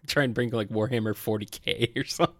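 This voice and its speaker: A man's voice: on the low side, fairly even intonation, a little fast, fairly bright tone, no echo, clean studio sound. A laid-back man in casual podcast chat who laughs often as a co-host.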